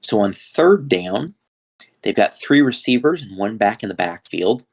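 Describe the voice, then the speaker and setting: Guy doing play by play for a football game, lowish voice, chatty with lots of ums. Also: measured pace, creaky, slightly rough. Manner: steady, conversational calls with frequent fillers. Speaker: play-by-play commentator. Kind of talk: sports play-by-play commentary.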